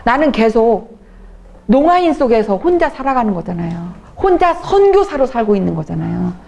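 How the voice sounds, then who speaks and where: Woman evangelist, slightly high voice, lively testimony storyteller who acts out her quotes. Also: normal speed, creaky. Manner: animated storytelling, acting out quoted people. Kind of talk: testimony talk at a church event.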